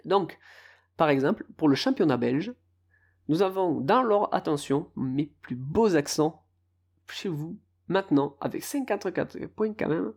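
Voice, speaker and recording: A man's voice: a little high, lively intonation, unhurried, gravelly, darkish tone, breathy edge. A man hosting a casual solo podcast, rambling and self-mocking as he stumbles over foreign team names. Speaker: podcast host.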